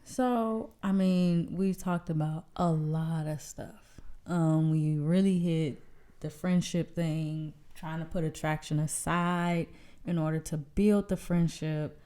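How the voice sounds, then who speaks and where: A woman's voice: low voice, steady tone, slow, dark tone, clear, resonant tone. A woman co-hosting a relationship podcast in casual chat, agreeable and chatty. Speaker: podcast co-host.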